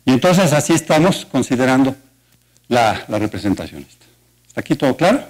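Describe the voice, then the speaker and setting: A man's voice: mid-range voice, big pitch swings, fairly quick, a little mellow, low-quality recording. Mexican man giving a math lecture. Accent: Mexican Spanish. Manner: explanatory, conversational, asks the audience rhetorical questions. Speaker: mathematics lecturer. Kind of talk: university colloquium lecture. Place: lecture auditorium.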